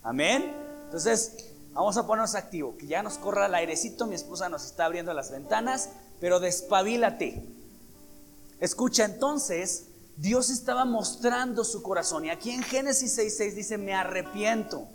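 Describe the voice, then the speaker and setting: A man's voice: high-pitched, animated, moderate pace, faint music behind. A man preaching a sermon, emphatic and asking the congregation questions. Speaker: pastor.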